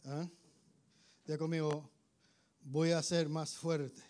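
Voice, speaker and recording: A man preaching a sermon, his voice slightly hoarse, animated and acting out voices. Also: on the high side, slow pace. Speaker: pastor.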